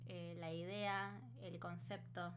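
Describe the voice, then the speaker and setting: A woman's voice: fairly low pitch, level tone, slow pace. A woman with a Buenos Aires Spanish accent co-hosting a casual podcast in a colloquial, conversational way. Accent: Buenos Aires Argentine Spanish. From Buenos Aires, Argentina. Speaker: podcast co-host. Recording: clearly noisy with a hum.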